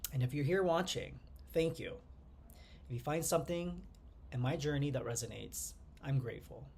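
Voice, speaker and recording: A man in his forties from the United States, speaking to the camera in a measured, earnest personal monologue as the channel's host. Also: fairly high pitch, vocal fry, a little mellow, a little hiss or hum. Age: 40s. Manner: earnest, measured delivery in short phrases, glancing at notes.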